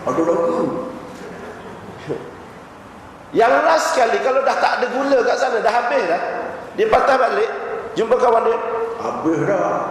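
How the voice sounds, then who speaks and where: A man's voice: very high voice, expressive, normal speed, pauses often. A man with a Malaysian Malay accent giving a sermon as a religious teacher, telling stories and asking the audience rhetorical questions. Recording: very echoey hall recording, faint noise.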